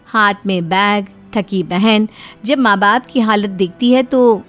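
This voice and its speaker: A woman giving steady, scripted narration for a cartoon moral story. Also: medium pitch, slow, soft background music.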